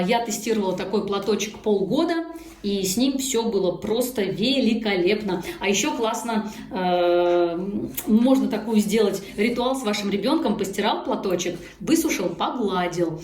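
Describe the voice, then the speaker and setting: A woman's voice: medium pitch, darkish tone. A woman giving an upbeat, explanatory, casual product review as she talks through an unboxing. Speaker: product presenter. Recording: echoey room, faint background noise.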